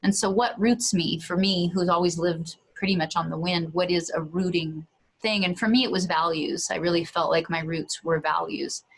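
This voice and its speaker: A woman's voice: on the low side, fairly even intonation, normal speed, husky, low-quality recording. A woman guest telling a personal story earnestly, sometimes acting out a talk with her young son. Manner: earnest, acts out dialogue with her son in a raised voice. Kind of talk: reflective storytelling in conversation.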